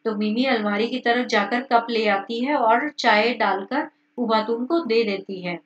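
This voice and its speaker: Woman teacher with a fairly high voice, retells a story line by line in casual words, muffled recording from a distance. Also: unhurried. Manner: reads lines then re-explains in casual words. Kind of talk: explaining a story lesson.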